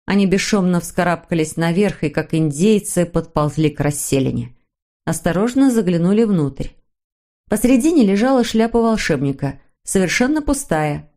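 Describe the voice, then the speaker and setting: A woman reading a children's storybook aloud as narrator, in an expressive, even manner. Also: medium pitch.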